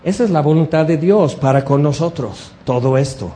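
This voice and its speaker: A man preaching a sermon, lively and joking with the congregation, acting out quotes and mimicking people. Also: on the high side, normal speed. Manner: jokes with the congregation.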